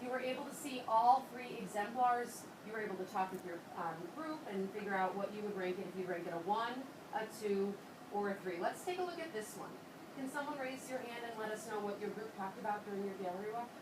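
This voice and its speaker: A woman's voice: medium pitch, fast talker, roomy sound. A woman teaching young children in an encouraging kindergarten-teacher manner, asking questions and repeating their answers back to them. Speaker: early grade teacher leading class discussion. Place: classroom with children. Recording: noisy classroom, picked up from far off.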